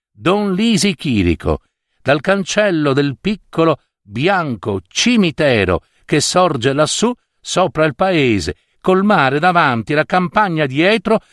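A man reading a literary short story aloud in an expressive, theatrical way. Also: on the high side, no room sound, studio quality. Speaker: narrator.

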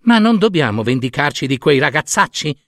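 A man's voice: a little high, sing-song, brisk, fairly bright tone, no echo, studio quality. A man voicing small, stubborn stork chicks in a storybook reading, whiny and pleading.

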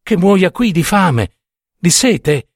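A man voicing a young wife who is impulsive, full of pity and horror, pleading and shrill with upset. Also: big pitch swings, slow, no echo, clean studio sound, full character voice. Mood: indignant.

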